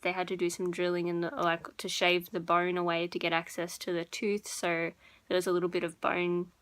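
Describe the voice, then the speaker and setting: A woman's voice: lowish voice, a bit bright. A young woman vlogger chatting informally to her viewers, rambling a little and correcting herself as she goes. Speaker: beauty and lifestyle vlogger. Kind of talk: casual chat to viewers.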